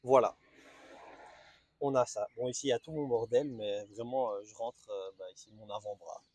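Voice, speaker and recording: A man's voice: mid-range voice, steady tone, normal speed, darkish tone, husky, dry recording. A man with a Belgian French accent, presenting a car in a casual, enthusiastic walkaround with frequent restarts. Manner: enthusiastic, chatty, hesitant restarts. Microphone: small camera-mounted mic.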